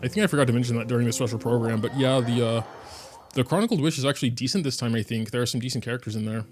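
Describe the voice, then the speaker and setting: Talking rapid-fire in a mid-range voice, a German-accented streamer from Germany, German by birth, chatters through a casual live stream, thinking out loud and rambling while he plays.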